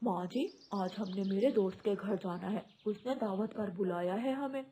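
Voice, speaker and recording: A woman's voice: medium pitch, moderate pace, dark tone, pitched below the performer's own voice, natural voice. A woman voicing a stern young male sparrow in a cartoon, a husband who sides with his mother. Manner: stern and reproachful.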